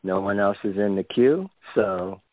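A man moderating a call-in line, measured and procedural. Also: lowish voice, no echo. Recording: dry phone line.

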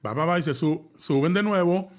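A man's voice: fairly high pitch, normal speed. Chatty man telling a horror story. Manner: rambling with many "este" fillers and restarts; chatty, addresses co-host directly with slang. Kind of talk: casual live-show storytelling.

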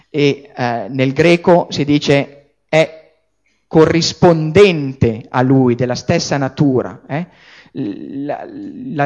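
A man lecturing on scripture to a class, animated and explanatory, often checking in with his listeners and restarting words mid-thought. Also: a little high. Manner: animated, checks in with frequent tag questions.

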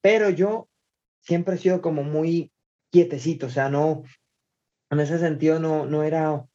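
A man speaks in a slightly raised but mellow, dark tone, telling easygoing stories about himself with self-deprecating humor. The recording is muffled and lo-fi. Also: on the high side, fairly even intonation, unhurried. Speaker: guest singer. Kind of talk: casual podcast chat.

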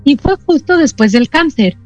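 High-voiced Mexican woman hosting radio. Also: dry recording, faint music behind. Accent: Mexican Spanish. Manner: lively anecdotal storytelling, quick asides. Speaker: radio show host. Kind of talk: radio talk show interview. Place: radio studio.

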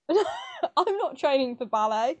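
A woman's voice: high voice, huge pitch swings, slow pace, muffled recording, a crowd in the background. A woman co-hosting a podcast, joking and giggling in casual chat over a video call. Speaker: podcast co-host.

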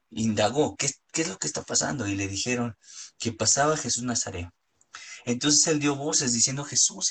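A man preaching a sermon in an earnest way, often repeating words and pausing with fillers. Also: on the low side, fairly bright tone, slightly rough.

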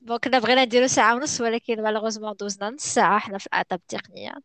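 Female podcast co-host, Moroccan Arabic accent, rapid-fire casual talk peppered with French and English, close dry sound. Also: on the high side, steady tone, a bit bright, no room sound. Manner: switches often into French and English phrases. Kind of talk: casual chat about films and series.

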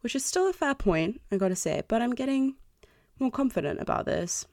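Speaking into a close podcast mic in her bedroom, a woman in her early twenties runs a solo podcast where she is candid, apologetic and self-mocking in a confessional way. She sounds animated and a little fast, with a fairly high pitch and a darkish tone. The recording is dry and of studio quality.

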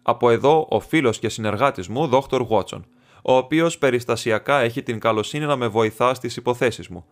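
A man voicing a sharp male detective who speaks briskly and dryly. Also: medium pitch, lightly acted. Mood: dry, assured. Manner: brisk, dry, confident. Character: sharp, dry male detective, self-assured.

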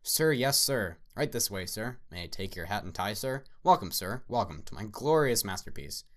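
A theatrical madman of a storybook villain, put on by a male reader. He fawns and flatters, his low voice leaping up into loud, gleeful peaks and dropping back into quiet menace. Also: brisk. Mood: fawning, theatrical. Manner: obsequious, repeats "sir", swings loud and high. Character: manic theatrical male artist villain, fawning. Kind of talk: dramatic story reading.

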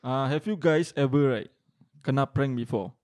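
Mellow Singlish-speaking Singaporean man. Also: mid-range voice, normal speed, dry recording, studio quality. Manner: colloquial Singlish with lah and ah particles. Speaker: show co-host. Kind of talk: casual chat.

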